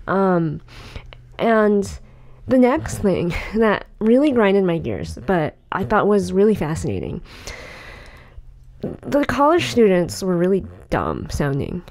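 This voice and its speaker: A woman's voice: mid-range voice, wildly swooping pitch, slow pace, darkish tone. A woman in her late twenties co-hosting a podcast, talking casually with lots of fillers and restarts. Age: 20s. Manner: rambling, filler-heavy. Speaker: podcast co-host. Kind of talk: casual chat.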